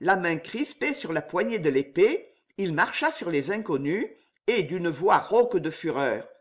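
A reader narrating an audiobook in a slow, expressive storytelling manner. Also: medium pitch.

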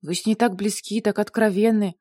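A woman's voice: mid-range voice, steady tone, brisk, mellow, dry recording, clean studio sound, close to an everyday voice. A woman voicing a distraught young husband in an audiobook, agitated and pleading. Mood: flustered. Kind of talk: audiobook character voice.

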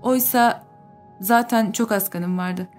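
A woman reading a first-person audiobook in a measured, subdued way. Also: mid-range voice, faint music behind. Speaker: audiobook narrator.

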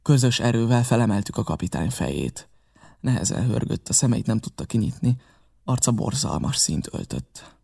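A man reading a novel aloud in steady, measured narration. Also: mid-range voice, creaky, slightly rough. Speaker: audiobook reader.

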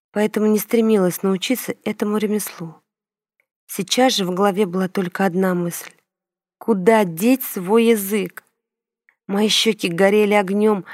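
A woman reads a first-person story aloud in an expressive, emotional way. Her voice sits at a middling pitch. The recording is close and dry, with no echo. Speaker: narrator. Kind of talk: first-person audiobook narration.

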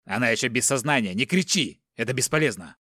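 A man's voice: mid-range voice, lively intonation, fast talker, bright, forceful tone, no room sound, studio quality. A man voicing a tough middle-aged father held captive, firm and reassuring. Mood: tense.

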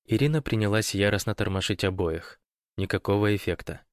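A male narrator reads an audiobook in an even, measured voice. His voice sits low. The recording is close and dry. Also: dry recording. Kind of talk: scripted narration.

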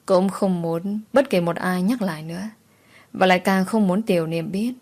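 Female audiobook narrator, low-pitched voice, dramatic first-person romance reading. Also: moderate pace, darkish tone. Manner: dramatic, emotional storytelling.

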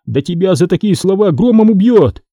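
A man's voice: high voice, expressive, brisk, dark tone, no echo, clean studio sound, pitched above the performer's own voice. A man voicing a frightened, superstitious young apprentice who pleads anxiously.

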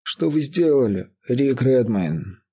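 A man voicing an earnest, steady estate steward who pleads in a raised voice. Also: medium pitch, slow pace, breathy edge, full character voice. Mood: alarmed. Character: steady middle-aged male estate steward, shocked and earnest.

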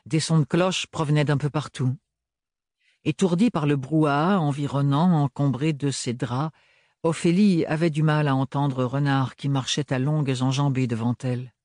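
A man reading a novel aloud as an audiobook in a measured, expressive storytelling manner. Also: on the high side, no echo, clean studio sound. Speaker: audiobook reader. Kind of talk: scripted audiobook narration.

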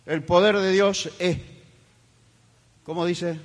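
A man's voice: high-pitched, fairly even intonation, takes it slowly. A man preaching a sermon as a pastor, emphatic and fiery, mocking the voices of complainers. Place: church hall. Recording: reverberant church hall.

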